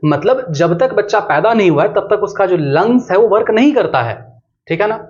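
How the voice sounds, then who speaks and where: A man's voice: high voice, animated, moderate pace, darkish tone, lo-fi sound. A young man teaching biology in a playful, joking way, often checking in with his listeners. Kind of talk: playful explainer lesson.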